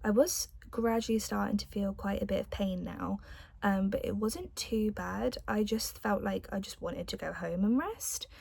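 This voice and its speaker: A woman's voice: medium pitch, moderate pace, creaky, a little mellow, breathy edge, no echo. A young adult woman telling a personal story in a casual, chatty vlog style, with the odd light giggle. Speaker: vlogger.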